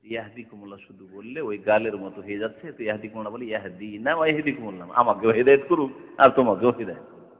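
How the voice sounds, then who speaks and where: A man's voice: lowish voice, fast talker. Man lecturing in a reverberant hall. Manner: conversational, swings from soft asides to emphatic loud points. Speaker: Islamic lecturer. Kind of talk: hadith lecture. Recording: dull lo-fi recording in a reverberant hall.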